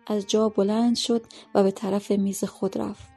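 A woman narrating a short story for a podcast in a calm, measured reading voice. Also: mid-range voice, gravelly, breathy edge, soft background music.

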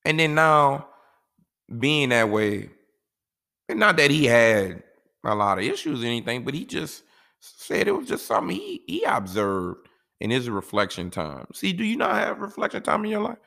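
A man's voice: medium pitch, wildly swooping pitch, moderate pace, vocal fry, bright, forceful tone. A man talking casually and giving life advice in a laid-back, rambling way, often saying "you know".

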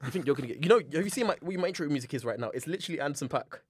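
A man's voice: a little high, animated, rapid-fire, slightly rough. A young man with a London accent and slangy roadman talk, hosting with casual banter, hype and freestyle. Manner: slangy London roadman talk, hyping and echoing the other speaker. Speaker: podcast host. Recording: loud hip hop beat behind. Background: loud hip hop music.

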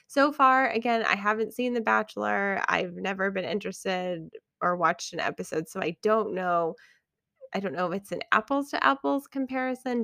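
A woman in her thirties or forties hosts a casual podcast, rambling warmly through recommendations with frequent restarts. Her voice has a gravelly, fried texture. The sound is dry and close to the mic. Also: medium pitch, no echo. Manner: chatty, many fillers and restarts. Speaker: podcast host.

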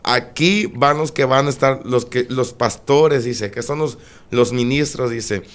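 A man's voice: measured pace, clear, resonant tone. Man with a powerful preacher's voice. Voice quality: powerful, booming voice. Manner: storytelling, acts out quoted dialogue. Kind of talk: casual chat, telling an anecdote.

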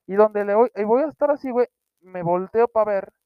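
High-voiced Mexican man telling a wild story. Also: brisk, clear, resonant tone, no room sound. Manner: slangy, animated, acts out quotes with sudden shrieks. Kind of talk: casual comedic storytelling. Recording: dry, dull lo-fi sound.

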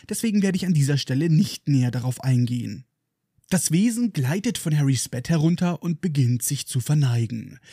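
A man with a German accent hosts a book podcast, retelling chapters in an ironic, playful way. His voice sits a little high and moves lively up and down. The sound is close and dry. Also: husky, no echo. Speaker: podcast host.

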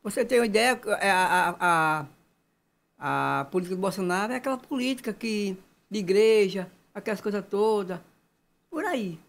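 A man's voice: high voice, animated, moderate pace, vocal fry, fairly bright tone. A man gives his opinions in loose, casual talk. He is emphatic, often saying the same phrase again to drive it home.

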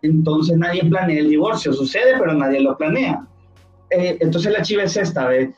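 A man's voice: fairly high pitch, moderate pace, a little mellow. A man chatting casually on a podcast, explaining with analogies and acting out little scenes. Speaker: co-host. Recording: roomy, dull lo-fi sound with faint music.

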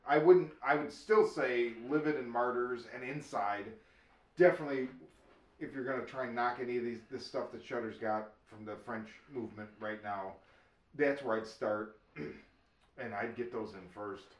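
A man's voice: mid-range voice, lively intonation, moderate pace, lo-fi sound. A man hosting a podcast, chatting casually in a laid-back, easygoing way. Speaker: podcast host. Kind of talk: casual chat. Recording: roomy, distant from the mic.

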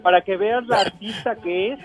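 A man with a Mexican accent, a chef on radio, explaining and chatting casually in a halting way. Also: high-pitched, soft background music. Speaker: chef giving radio cooking tips.

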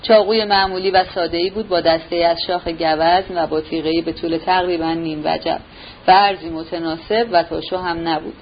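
A woman narrating a novel in a steady, measured reading, in a dull recording with a faint hiss. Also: on the low side. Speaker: audiobook narrator.

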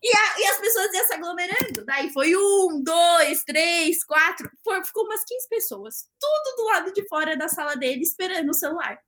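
A young woman, a podcast guest, telling a story in casual chat, animated, acting out the dialogue and laughing often. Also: extremely high pitch, moderate pace, hardly any pauses.

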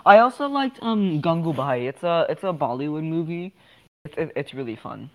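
A woman's voice: low-pitched, animated, moderate pace, poor audio. A young woman asking the questions in a casual online chat, giggly and gushing, over voice chat. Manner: giggly, bubbly, gushes. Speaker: question asker.

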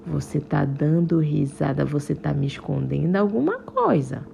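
A woman's voice: sits low, very animated, moderate pace, vocal fry, dark tone, a little hiss or hum, pitched below the performer's own voice, heavily acted. A woman doing a clever, suspicious boy bee. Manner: questioning, teasing, triumphant.

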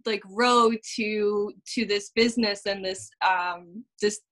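A woman's voice: medium pitch, fairly even intonation, takes it slowly, a bit bright. A woman from the Netherlands, in her thirties, chatting as a podcast guest, with many fillers and frequent laughs. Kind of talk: casual interview chat.

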